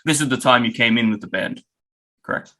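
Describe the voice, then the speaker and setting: A man hosting a podcast in casual, unscripted talk, halting and rephrasing as he goes. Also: mid-range voice, bright, forceful tone. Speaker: podcast host.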